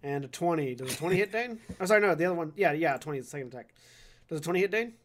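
A man's voice: fairly high pitch, animated, very fast, a little hiss or hum. A man acting as game master, casually narrating a tabletop game and ruling on turns.

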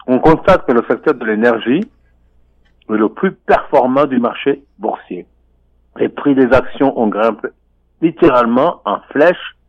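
A man commenting on finance and economics over a telephone line on a radio show, speaking in a measured, deliberate way with frequent hesitations. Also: mid-range voice, no room sound. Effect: voice heard over a telephone line. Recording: muffled phone line, dry.

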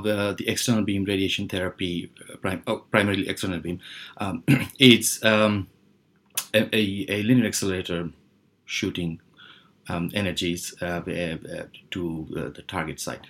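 A man's voice: sits low, a bit bright, slightly rough. A man from Bangladesh, a company CEO, answering podcast interview questions hesitantly with many fillers and restarts. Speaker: startup CEO guest.

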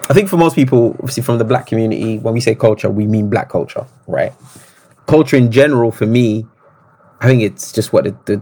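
A man, telling stories as a podcast guest in an animated, reflective way. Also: fairly low pitch, breathy edge. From Congo. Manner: reflective, animated storytelling with restarts. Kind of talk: casual interview conversation.

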